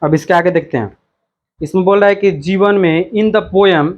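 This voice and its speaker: The sound is lo-fi, and the male teacher's voice is high-pitched. He goes slowly through a textbook lesson, saying things again and again and reading each word out separately.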